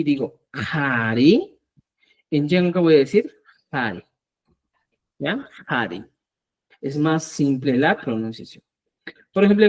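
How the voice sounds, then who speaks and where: A man teaching a live online class, explaining word by word and keeping a steady "¿ya?" as he goes, often repeating words slowly to show how they sound. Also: a little high. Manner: explanatory, keeps checking in with "¿ya?". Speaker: Quechua teacher.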